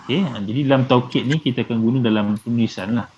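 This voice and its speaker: A man's voice: medium pitch, fast. A man teaching Arabic grammar to a live class, patiently repeating and translating terms with many fillers. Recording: dull lo-fi with faint noise.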